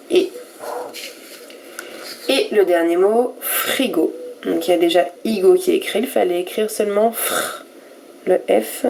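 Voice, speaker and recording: A woman teacher giving a recorded reading lesson to young pupils, sounding out each letter and syllable slowly and with care. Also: mid-range voice, vocal fry, darkish tone, a little hiss or hum. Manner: slow and careful, spelling out letters and syllables one by one. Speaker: primary school teacher.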